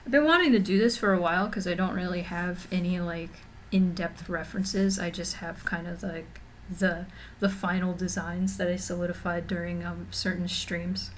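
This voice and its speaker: A woman's voice: on the low side, steady tone, normal speed, slight background noise. A young woman streaming from home and chatting casually, rambling with lots of fillers and restarts while feeling a little nauseous. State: mildly nauseous. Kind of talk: casual livestream chat. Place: home room.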